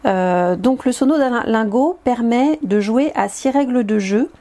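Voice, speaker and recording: Woman presenter, warm mellow tone, hesitant and explanatory, demonstrating a card game. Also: medium pitch. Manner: hesitant, explanatory, many filler pauses.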